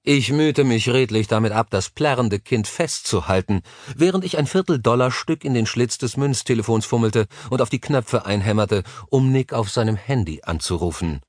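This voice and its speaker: A man narrating an audiobook, reading a fantasy story and its author's foreword in a measured, even way. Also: medium pitch, no echo, studio quality. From Germany.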